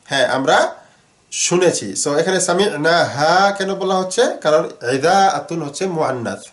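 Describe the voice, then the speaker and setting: A man teaching Arabic grammar in Bengali, explaining slowly with many fillers and repeated words. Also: fairly high pitch, lively intonation, roomy sound.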